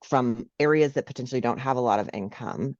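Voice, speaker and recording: Social worker lady chatting on a podcast, animated, dry muffled sound. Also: a bass voice, brisk, no room sound. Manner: animated, frequent "right?" tags. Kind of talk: casual interview conversation.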